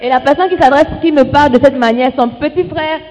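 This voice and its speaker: A woman's voice: high voice, a little mellow. A woman interpreting a sermon live, phrase by phrase, sometimes correcting herself mid-sentence. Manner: brisk, restarts and self-corrects while keeping up. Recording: dull, reverberant hall sound.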